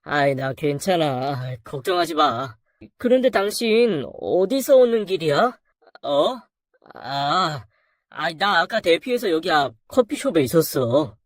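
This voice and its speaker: A storyteller voicing a lying husband who turns defensive and crude, lower than the narration's wife lines. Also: sing-song, a little slow, no room sound, studio quality. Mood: evasive.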